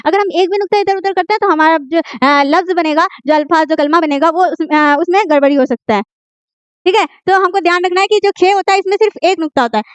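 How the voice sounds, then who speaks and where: Woman teacher, very high voice, dry close sound; patient, repeats her own questions, pauses on fillers. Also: no room sound. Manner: patient, repeats questions and answers them herself; frequent fillers and self-corrections. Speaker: Urdu teacher. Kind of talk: online language lesson.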